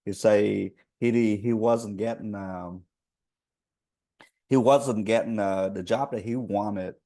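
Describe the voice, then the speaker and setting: A man hosting a casual podcast interview. His speech is halting, with restarts, and his grammar is slightly nonstandard. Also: lowish voice, steady tone, dark tone. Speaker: podcast host.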